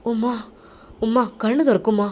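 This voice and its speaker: A woman's voice: on the high side, fairly even intonation, moderate pace, mellow, natural voice. A woman voicing a shocked and grieving young man who pleads in distress.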